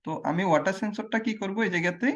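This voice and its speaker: A man's voice: high voice, rapid-fire, dull audio. Male tutor; patient self-quizzing explainer who restates every point. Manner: asks questions and answers them himself, repeats key phrases. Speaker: teacher. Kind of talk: explaining logic gates on a screen demo.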